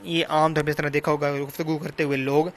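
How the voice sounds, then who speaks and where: This recorded classroom lecture features a man with a slightly high, level voice speaking briskly over a little hiss or hum. Lecturing on a novel, he patiently explains English words by listing translations and synonyms, repeating and rephrasing each point.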